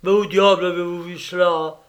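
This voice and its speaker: A man voicing an older, furious, blustering millionaire who shouts threats and insults in a storybook reading. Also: high-pitched, little pitch movement, moderate pace, pitched above the performer's own voice, close to an everyday voice.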